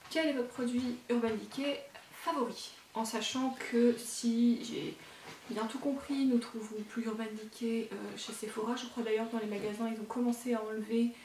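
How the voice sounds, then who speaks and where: A woman's voice: on the high side, steady tone, moderate pace, a little mellow, recorded from a distance, slight background noise. Chatty woman beauty vlogger, echoey room. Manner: chatty, rambling, many fillers and self-corrections. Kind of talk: casual makeup collection chat to camera.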